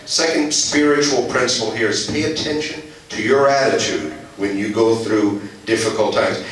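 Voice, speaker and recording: A man preaching a sermon as pastor, slowing down and dropping his voice softly on key phrases. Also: medium pitch. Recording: very echoey church hall, voice from a distance.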